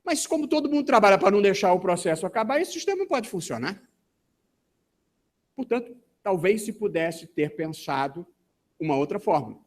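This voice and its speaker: A man with a Brazilian Portuguese accent giving a formal talk at a legal seminar. He speaks in a measured, deliberate way and often pauses with hesitation fillers. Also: high-pitched, expressive. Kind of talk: formal conference speech. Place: conference hall in Brazil.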